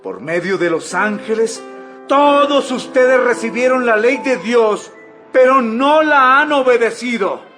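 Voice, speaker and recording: Impassioned high-voiced preacher Stephen. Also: male voice, lively intonation, unhurried, a bit bright, full character voice. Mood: indignant, accusing. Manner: oratorical, emphatic, declamatory. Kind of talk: dramatized audio Bible acting. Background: background music.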